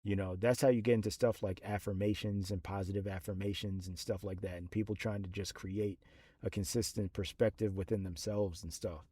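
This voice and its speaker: A man's voice: lowish voice, steady tone, fairly quick, dark tone, slightly rough, dry recording, studio quality. A man in his thirties, a rapper, talks about his album in a rambling, casual monologue full of fillers and restarts.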